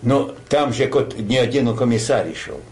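A man's voice: mid-range voice, moderate pace, darkish tone. An older man telling a war story like a grandpa, rambling and colloquial, acting out dialogue. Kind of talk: casual oral war storytelling.

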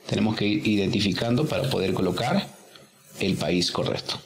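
A man's voice: lowish voice, moderate pace, vocal fry, faint music behind. A man teaching English, working through a workbook exercise step by step and patiently repeating each answer.

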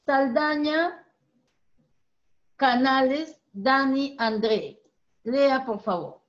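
A woman teacher, leading an online reading class and gently correcting pronunciation. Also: sits high, dull audio. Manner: encouraging, corrects pronunciation slowly. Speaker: primary school teacher.

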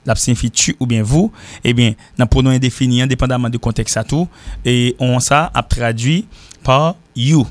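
A man's voice: mid-range voice, no room sound. Haitian man teaching, dry close sound. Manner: repeats example sentences slowly, switching between French and Creole. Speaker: English teacher. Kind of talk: informal language lesson.

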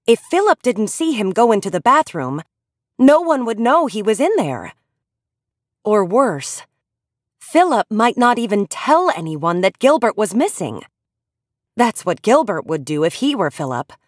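A woman reading a children's story aloud in an expressive storytelling manner. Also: medium pitch, measured pace, no room sound, clean studio sound. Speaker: audiobook reader.

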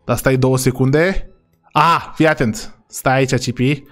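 A man hosting a playful role-play vlog, excitable and speaking straight to his viewers. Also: medium pitch, faint music behind. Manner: excitable, addresses viewers directly. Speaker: vlogger host.

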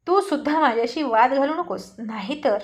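A woman reading the lines of a sharp-tongued young wife in a storybook tale, firing pointed questions and firm warnings. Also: sits high, animated, normal speed. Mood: angry.

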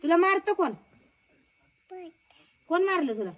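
A woman's voice: very high-pitched, lively intonation, a little slow, fairly bright tone. A young woman chatting casually in a home vlog, coaxing a toddler with questions. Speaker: village vlogger.

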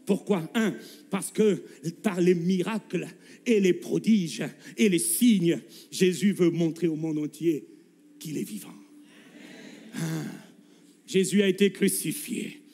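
A man with a French accent preaching a lively sermon as pastor, acting out Gospel scenes in voices and calling the congregation to answer. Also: high-pitched, slow. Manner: calls for responses from the congregation. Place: church hall. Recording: long hall reverb with faint music.

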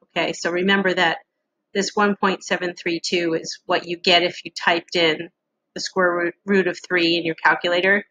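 A middle-aged woman giving a casual, halting lesson walkthrough with frequent pauses, as an instructor on a screen-share recording. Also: lowish voice, little pitch movement, sharp tone, lo-fi sound, slight background noise.

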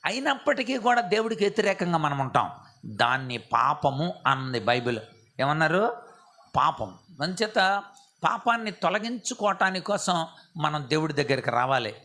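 A male pastor preaching a sermon, often asking the audience questions and acting out prayers in a soft, low voice. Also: sing-song, moderate pace. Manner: asks the audience rhetorical questions.

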